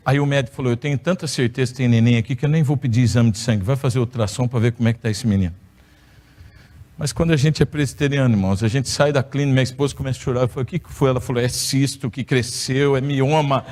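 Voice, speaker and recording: With a darkish, medium-pitched voice and a fast delivery, a middle-aged Brazilian pastor in a church hall tells a personal story for his sermon testimony, lacing it with playful humor in Brazilian Portuguese.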